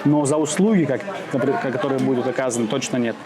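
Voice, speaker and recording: A man from Siberia being interviewed outdoors in the shade, answering slowly with many pauses, fillers and restarts. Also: mid-range voice. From Russia (Siberia). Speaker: interviewee, expat businessman. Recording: outdoor crowd noise behind.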